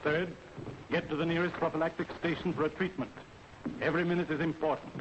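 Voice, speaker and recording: A man with an American accent and a fairly high voice keeps his intonation fairly even as he lectures. Playing an army medical officer in a 1940s training film, he is formal, authoritative and deliberate, and the soundtrack is dull and noisy.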